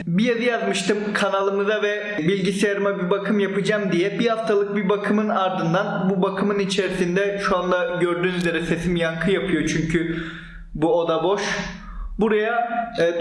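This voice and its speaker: A man greeting his viewers in a chatty vlog intro, his voice echoing heavily off the walls of an empty, bare room. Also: high-pitched. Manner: friendly, chatty address to viewers. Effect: heavy echo of an empty, bare room. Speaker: YouTube vlogger. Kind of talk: casual vlog intro to camera. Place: empty uncarpeted room indoors.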